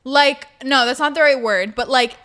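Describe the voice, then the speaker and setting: A woman's voice: moderate pace, a bit bright. A woman chatting casually as a show co-host, with gushing, emphatic millennial girl-talk full of filler slang. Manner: millennial girl-talk, peppered with "like", "literally", "low-key". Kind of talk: casual chat.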